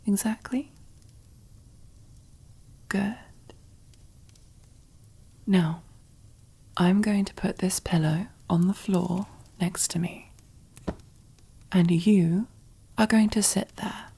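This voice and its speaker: A woman's heavily acted ASMR performance casts her as a possessive, commanding, silkily affectionate mafia boss, her husky, breathy voice frequently dropping to a whisper. The voice is lowish and the mood soft yet commanding. Her pacing is slow and controlled, intimate and gently authoritative.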